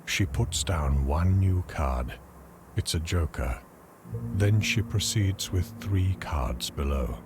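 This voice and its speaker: A man's voice: deep voice, animated, slow, background noise. A man narrating an adventure game in terse, matter-of-fact scripted descriptions.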